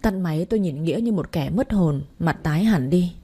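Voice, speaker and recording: A woman tells a romance story in the first person, her voice low-set, mellow and husky. The reading is tender and emotional, close on the mic. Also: lively intonation, fairly quick.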